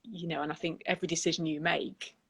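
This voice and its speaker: Gravelly, flat-voiced middle-aged woman. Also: low-pitched, quick pace. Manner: soft, trailing off, fillers like "you know". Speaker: guest, wedding business owner. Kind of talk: casual video-call chat. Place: room at home, indoors. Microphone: laptop webcam on a video call.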